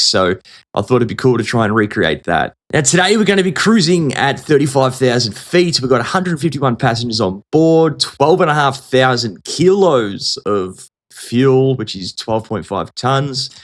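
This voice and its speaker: Man, thirties, podcast host, casual, joking, mid pitch. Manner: jokey, chatty, self-deprecating.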